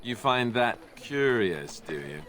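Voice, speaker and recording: A man's voice: medium pitch, big pitch swings, takes it slowly, a bit bright, slight background noise. An actor playing a defensive, sardonic young male warrior with a dry, sarcastic delivery in video game dialogue.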